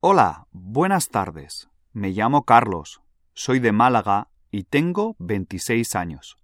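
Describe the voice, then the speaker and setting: A man's voice: fairly low pitch, big pitch swings, dry recording, clean studio sound. A man playing an easygoing young guy in an exam dialogue. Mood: friendly. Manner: slow, clearly spaced delivery. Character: friendly young man, twenty-six. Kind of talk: scripted language-exam dialogue.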